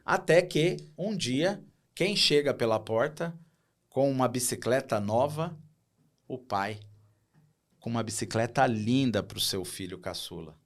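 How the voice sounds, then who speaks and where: With a medium-pitched voice and a measured pace, a middle-aged man guesting on a podcast recounts a story feelingly. He works in operations as a director and animatedly voices each person he quotes.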